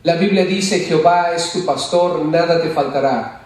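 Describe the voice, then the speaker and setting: A man's voice: a little high, normal speed, darkish tone. Man preaching in an echoey church. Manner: asks the congregation questions, calls them brothers. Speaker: pastor. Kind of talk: sermon. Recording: echoey church sound from far off.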